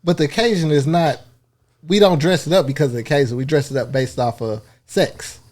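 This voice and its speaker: An American man on a casual podcast debate, his voice sitting a bit high for a man. He argues earnestly and bluntly in long stretches, pushing his view without pause. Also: a little mellow. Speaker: podcast co-host.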